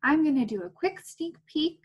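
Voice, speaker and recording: A woman teaching a first grade class, reading a picture book aloud in a playful, gentle way and making animal sounds. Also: high voice, lively intonation, normal speed. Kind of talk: read-aloud lesson for young children. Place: home.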